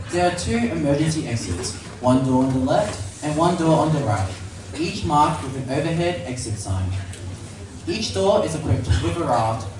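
A man reading a mock plane cabin announcement as a flight attendant in a formal, scripted way. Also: mid-range voice. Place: large hall at a live event. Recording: echoey hall PA, far off, noisy.

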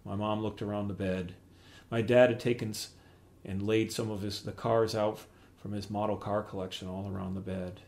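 A middle-aged man reads aloud from a memoir he wrote. His voice sits a bit low for a man, and he tells the story in a plain, measured way. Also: little pitch movement, creaky, a little mellow. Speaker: author reading his memoir. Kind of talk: memoir reading.

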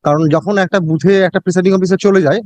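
A man with a Bengali Indian accent answering in court as an election officer, deferential and defensive, with halting repeated words. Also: high voice, steady tone, a little mellow, no echo, dull audio. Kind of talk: answering questions in a court hearing.

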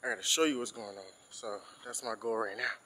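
A man's voice: mid-range voice, a little fast, slight background noise, rough recording. A young man, a college student, talking casually into his phone while walking outdoors on campus. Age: young adult. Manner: relaxed, loose and conversational.

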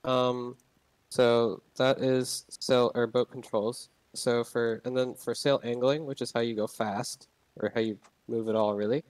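A young man narrates a casual gameplay tutorial on a game's sailing controls, rambling along with plenty of fillers and restarts. His medium-pitched voice is level, unhurried and a little mellow, captured in a dry recording.

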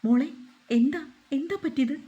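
A woman's voice: high voice, moderate pace, dark tone, lo-fi sound, voice pushed up, lightly acted. Woman voicing a tearful pious grandmother. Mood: tearful, pleading. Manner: wailing, praying, pleading.

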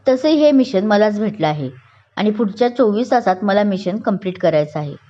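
A woman's voice: medium pitch, animated, a little fast, mellow, natural voice. A woman voicing a young male police inspector who is polite, eager and chatty. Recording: dull lo-fi recording.

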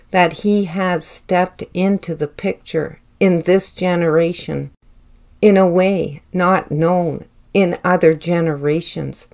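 A woman speaks a prophetic word with a low-pitched voice. Her delivery is slow, measured and solemn, as if every phrase carries weight. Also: gravelly, a little mellow.

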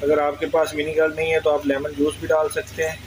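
A man's voice: on the high side, monotone, brisk, slight background noise, low-quality recording. A man hosts a cooking channel and explains a recipe step by step. He speaks to his viewers as friends. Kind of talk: cooking tutorial. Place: home kitchen.

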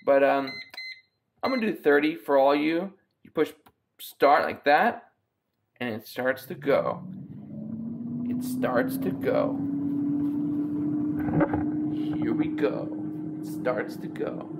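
Speaking slowly with frequent pauses, a young man with a mid-range, very animated voice hosts a jokey cooking tutorial from his home kitchen. He talks playfully and offhandedly to the camera while working, captured by a wide-angle counter-top camera mic with slight background noise.

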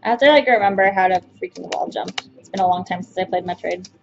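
A young adult woman hosts a casual let's play, talking fast in a mid-range, gravelly voice. She's playfully self-deprecating, exclaiming and muttering as she plays. The recording sounds slightly dull.

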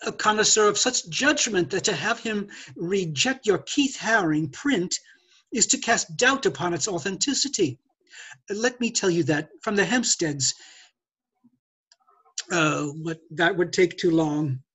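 An older man acting a glib gentleman thief in a social satire play. His husky voice swoops expressively as he lectures with haughty, theatrical condescension. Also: high-pitched, lively intonation, a little slow, exaggerated voice. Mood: smooth condescension. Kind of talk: stage play read over video call. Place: indoors, curtained room. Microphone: video call.

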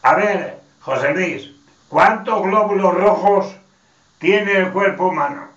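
A man's voice: sits high, takes it slowly, a bit bright, pitched above the performer's own voice. A man voicing an insistent female schoolteacher who coaxes a pupil for answers in a joke. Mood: coaxing. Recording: roomy, distant, dull sound.

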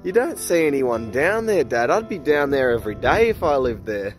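A man's voice: medium pitch, big pitch swings, normal speed, faint music behind. A young Australian man chatting casually for a travel vlog, with a laid-back, slangy, enthusiastic way of talking, recorded on a handheld phone. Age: young adult. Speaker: vlogger.

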